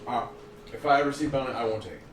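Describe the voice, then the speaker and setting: A man's voice: mid-range voice, racing. A man player teasing and joking at a tabletop game. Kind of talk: casual tabletop game chat. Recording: roomy far-off sound with loud background noise.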